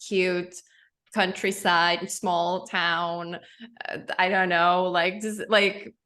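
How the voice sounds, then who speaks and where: A woman's voice: on the low side, level tone, drawn-out words, a bit bright. A woman hosting an interview, chatting casually and rambling with many restarts. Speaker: podcast host.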